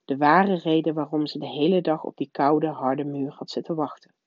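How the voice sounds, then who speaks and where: A woman reading a children's novel aloud in a soft, low-key narrating voice. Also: steady tone, normal speed, no echo. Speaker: reader. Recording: dull, dry lo-fi recording.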